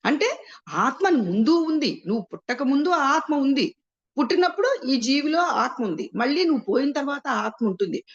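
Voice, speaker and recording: A woman explaining scripture, asking and answering her own rhetorical questions and mixing English words into her speech. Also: sits high. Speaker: spiritual teacher. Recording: muffled lo-fi sound.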